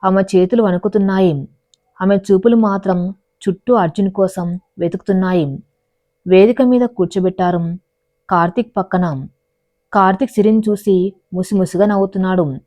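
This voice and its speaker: A woman's voice: medium pitch, normal speed, pauses often, mellow, no echo. A woman narrating a dramatic love story as a storyteller, in a scripted reading style. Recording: dry, dull lo-fi voice recording.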